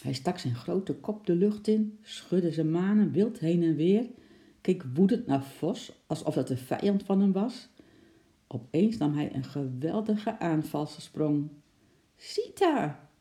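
Female storybook narrator, very dark mellow tone, dramatic and expressive. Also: on the low side, unhurried. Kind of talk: children's storybook read-aloud.

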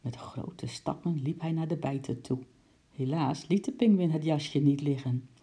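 A storyteller reading a children's book aloud in a lively voice, acting out the characters. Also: medium pitch, measured pace, slightly rough.

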